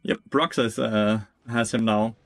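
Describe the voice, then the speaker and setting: A man's voice: lowish voice, steady tone, a little slow, no room sound, faint music behind. A young man streaming a game, giving blunt, profane commentary, laughing and answering chat. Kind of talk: casual gameplay commentary.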